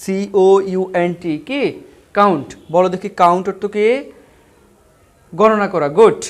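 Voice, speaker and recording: A man's voice: high voice, measured pace. A male teacher giving an online vocabulary lesson, spelling each word letter by letter and then repeating questions about how it is said and what it means.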